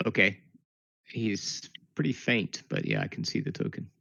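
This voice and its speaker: A man's voice: on the low side, huge pitch swings, normal speed, gravelly, a bit bright, no room sound, dull audio. A man chatting casually as a player in a tabletop game.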